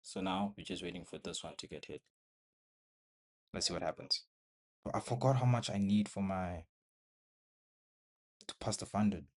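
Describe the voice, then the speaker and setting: A man's voice: low-pitched, lively intonation, moderate pace, pauses often. A young man recording a casual trading vlog at home, talking viewers through his trade in short broken phrases and a little out of breath. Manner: talks to viewers while watching the screen, in short broken phrases. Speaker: trading vlogger. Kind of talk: casual live commentary. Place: bedroom at home.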